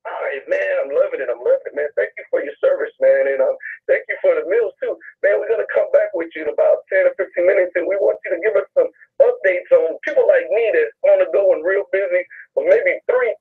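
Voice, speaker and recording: A man's voice: high-pitched, fast, breathy edge. A man from the American South, a talkative radio host heard over a phone on speakerphone, with hyped DJ patter. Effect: heard through a phone on speakerphone. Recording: tinny speakerphone line.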